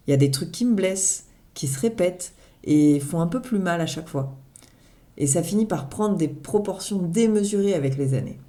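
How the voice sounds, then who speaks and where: A woman's voice: lowish voice, dark tone. A woman reading her own blog article aloud as humorous personal narration, with wry, self-mocking asides.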